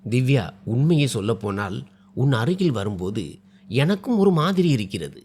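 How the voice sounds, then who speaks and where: A man voicing a shy young male farmhand who speaks hesitantly and earnestly, a little lower than his narration. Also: sing-song, normal speed, a little mellow, slightly rough. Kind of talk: storytelling dialogue.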